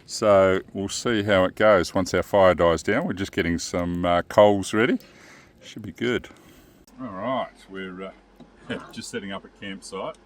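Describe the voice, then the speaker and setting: A man's voice: low voice, unhurried, a little hiss or hum. Jokey man at an outdoor campsite. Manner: relaxed, jokey, laughs often. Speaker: caravan vlog host. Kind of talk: casual camping vlog chat.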